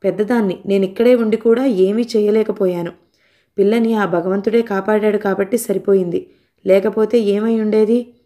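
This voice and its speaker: An anxious elderly grandmother from an audio storybook, pleading with her family in a distressed, mellow, softened voice, as a woman reads her part. Her tone stays worried and imploring. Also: mid-range voice, fairly even intonation, normal speed, lightly acted. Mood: lamenting.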